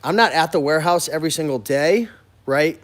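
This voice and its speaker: A man's voice: fairly high pitch, a little fast. An American man talking informally and directly to viewers in a casual walk-through vlog, as a business owner showing his workplace. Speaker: online reseller and business owner hosting a warehouse tour.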